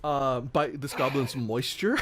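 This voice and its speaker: A man's voice: medium pitch, slow, a bit bright. A man narrating as game master in a tabletop game, rambling with many fillers.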